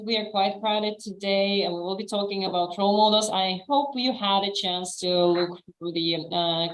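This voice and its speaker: A woman from Russia hosting a live online speaking club over a video call, giving friendly instructions with frequent pauses and fillers. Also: medium pitch, fairly bright tone, poor audio. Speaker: host and English teacher.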